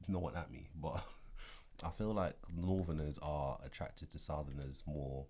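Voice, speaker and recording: A man's voice: a bass voice, a little mellow, husky. A man chatting casually as co-host, offering opinions with many fillers and restarts. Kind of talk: casual chat.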